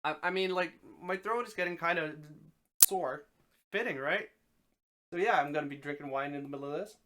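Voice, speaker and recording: A streamer brings dramatic, expressive narration to a story read aloud, occasionally stumbling over a word. The voice is medium-pitched and the pace brisk.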